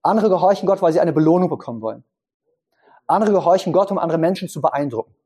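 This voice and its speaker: A man preaches a sermon in an expressive, fast, slightly rough voice, putting questions to his congregation and explaining his points with simple images. His pitch swings up for emphasis and drops low for quiet points.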